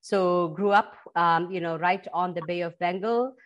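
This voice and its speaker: A middle-aged woman from India with an Indian accent, explaining her work in a podcast interview in an articulate, measured way. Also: fairly low pitch, steady tone, muffled recording. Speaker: guest, pharma executive.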